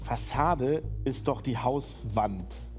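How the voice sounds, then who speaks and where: A man in his forties at a quiz desk in a TV studio, working through answer options aloud with slow, drawn-out reasoning. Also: mid-range voice, a little mellow, faint music behind. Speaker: quiz contestant. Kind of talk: thinking aloud.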